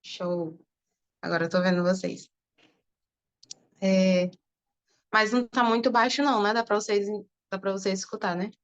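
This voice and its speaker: A woman of twenty-one from Fortaleza, speaking softly because of a sore throat as guest speaker in an online class, with many casual fillers. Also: mid-range voice, steady tone, moderate pace, long pauses, lo-fi sound. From Fortaleza, Brazil. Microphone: video call.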